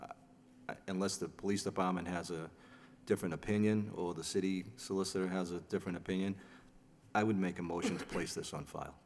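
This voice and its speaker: A man chairing a city license commission hearing, formal and procedural, with halting fillers and restarts, in a courtroom-style recording from a public chamber. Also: deep voice, steady tone, creaky, darkish tone. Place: city hall meeting chamber. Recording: reverberant chamber with faint background noise.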